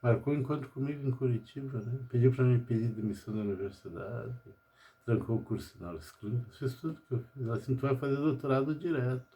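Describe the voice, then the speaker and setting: Rambling older man, mellow voice. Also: medium pitch, fast. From Brazil. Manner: rambling, tags nearly every phrase with "né?". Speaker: pharmacist. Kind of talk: personal monologue vlog. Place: at home.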